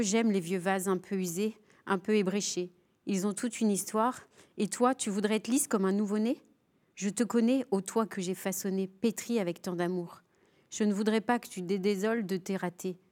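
A woman guest on a TV studio show, reading a spiritual text aloud in a measured, raised voice. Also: medium pitch, a little mellow. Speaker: guest, author.

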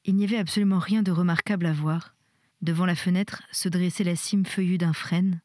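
A woman reads a storybook aloud in a measured, expressive way, her voice sitting fairly low. The recording is dry and close, with no echo. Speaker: audiobook reader. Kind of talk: storybook narration.

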